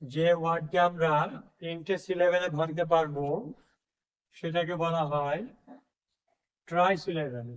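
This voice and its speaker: A man explains a lesson as an English tutor, drawing out each example word with slow deliberation. His voice is smooth and resonant, with a slightly raised pitch held in a narrow, flat range. The recording sounds dull and lo-fi.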